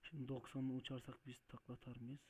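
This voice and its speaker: Excitable man playing a truck game. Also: mid-range voice, fast, breathy edge. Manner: excitable, swears and shouts at mishaps; muttering to himself while driving. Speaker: gaming video host. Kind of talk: Let's Play commentary.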